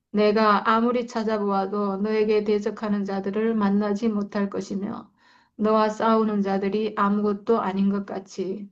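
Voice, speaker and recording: A woman leading a Bible study, reading verses and explaining them in a reflective, repeating way. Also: medium pitch. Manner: reflective, repeats and stresses points. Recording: slightly dull lo-fi sound.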